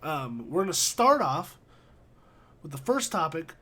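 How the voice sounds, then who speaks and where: A man's voice: a little high, sing-song, a little slow, bright, forceful tone, slight background noise. A man co-hosting a podcast, casually ranting and teasing his co-hosts. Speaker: podcast co-host.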